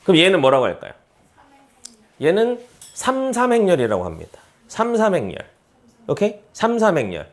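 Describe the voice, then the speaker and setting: A male math teacher lecturing with a lively, swooping voice that rides a little above the usual male range. He hammers key terms through repetition, fires rhetorical questions and answers them himself, and ribs students who skipped the first class. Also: sits high, moderate pace, pauses often.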